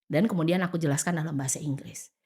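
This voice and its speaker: Animated woman giving casual podcast advice. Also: low-pitched, fast, breathy edge. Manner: animated, acts out quoted dialogue, mixes in English phrases. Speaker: podcast guest.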